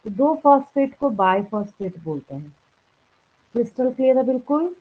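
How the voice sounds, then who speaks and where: Woman from india teaching bio to a class, kinda husky, asks then answers her own questions, tinny phone sound. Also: on the high side, very animated, normal speed. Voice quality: clears throat now and then. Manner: checks on students often. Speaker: biology teacher. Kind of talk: classroom lecture in a live class.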